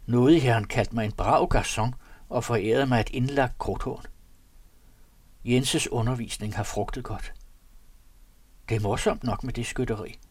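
A man reading an old diary aloud in an earnest, measured literary manner. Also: medium pitch, no room sound. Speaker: narrator.

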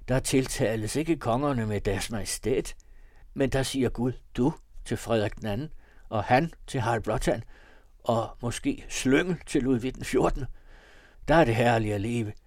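A man's voice: mid-range voice, a little mellow, no echo, clean studio sound, natural voice. A man reading the lines of a dying young man in a classic novel audiobook, wry and ironic as he rambles on.

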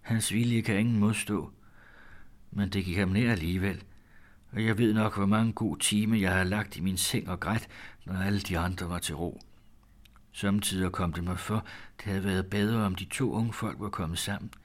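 Male storyteller, low-ish voice, measured, grave, reading aloud. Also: steady tone. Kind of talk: reading an old-fashioned first-person tale aloud.

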